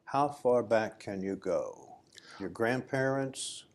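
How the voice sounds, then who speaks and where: A man's voice: mid-range voice, takes it slowly. An American man conducting an informal oral history interview in a folksy, chatty way.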